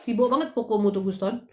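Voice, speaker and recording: A woman's voice: medium pitch, normal speed. A woman in her thirties talks through a casual live stream, moving between spiritual advice and playful gossip. She punches her main points with emphatic bursts, then drops back into easy, teasing chat.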